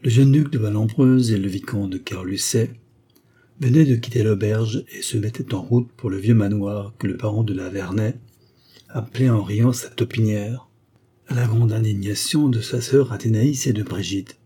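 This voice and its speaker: A man giving scripted narration of a classic novel as an audiobook, in a measured, steady storytelling manner. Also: on the low side, husky.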